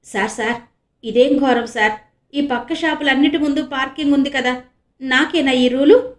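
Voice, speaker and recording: A woman's voice: high-pitched, normal speed, lightly acted. A woman voicing an anxious older male shopkeeper in a storybook reading, polite and pleading. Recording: echoey room.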